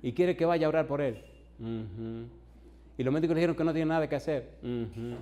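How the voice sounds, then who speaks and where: A man's voice: medium pitch, a little fast, mellow. A man preaching as a pastor, telling a long story and acting out the dialogue, in a church hall before an audience. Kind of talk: storytelling sermon.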